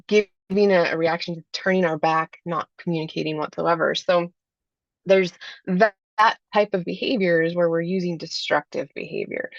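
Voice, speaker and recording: A woman's voice: fairly low pitch, dry recording, lo-fi sound. A woman life coach talking as a podcast guest in a chatty way, often adding "like" and "right?". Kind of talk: podcast interview.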